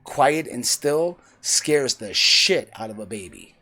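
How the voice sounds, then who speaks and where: A man's voice: mid-range voice, animated, takes it slowly, pushed and bright. A man in his forties giving a blunt, profane, preachy monologue. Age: 40s. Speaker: vlogger. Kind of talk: opinionated monologue.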